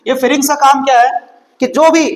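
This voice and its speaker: High-pitched guy teaching a school science class, asks questions then answers them himself, drops english textbook lines in. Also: fairly even intonation, unhurried, poor audio. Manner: explains by asking and answering his own questions; mixes English textbook phrases into his explanations.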